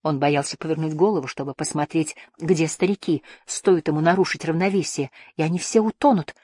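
Audiobook narrator, woman, lowish husky voice, dry close sound. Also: a little fast, no room sound. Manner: steady storytelling. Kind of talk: scripted narration.

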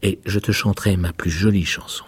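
A man's voice: low voice, steady tone, a little fast, breathy edge. A man voicing a small lovesick nightingale, earnest and imploring, as he reads a tale aloud. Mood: pleading.

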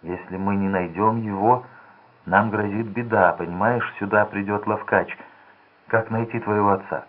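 A man's voice: fairly low pitch, steady tone, moderate pace, close to an everyday voice. A man voicing a nervous small-time crook, urgent and edgy, in a tinny lo-fi recording. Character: anxious small-time male crook, young. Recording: tinny phone-like lo-fi sound.

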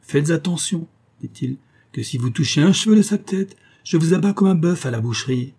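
A man's voice: medium pitch, steady tone, normal speed, dark tone, husky, close to an everyday voice. A man reading an audiobook, voicing a stern village blacksmith who speaks with indignation and threat. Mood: threatening.

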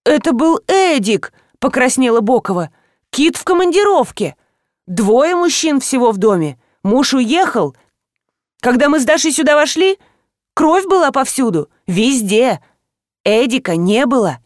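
A panicky woman in an audiobook, high-pitched and excitable, her indignant lines leaping upward, as a woman narrator puts her on. The recording is close and dry. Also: unhurried, no room sound. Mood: flustered. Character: panicky hysterical woman, homeowner. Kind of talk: audiobook reading.

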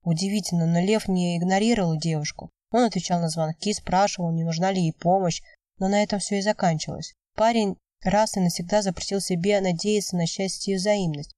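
A woman reading an audiobook in steady, even scripted narration. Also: lowish voice, brisk, no room sound, studio quality, far from the mic.

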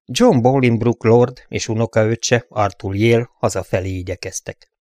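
A man narrating an audiobook in a measured storytelling manner, recorded close on a studio mic. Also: medium pitch, darkish tone, a little hiss or hum.

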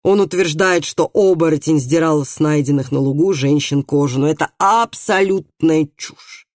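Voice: medium pitch, normal speed, dry recording, natural voice. Brief: reader doing exasperated scoffing man, dry studio. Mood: scornful.

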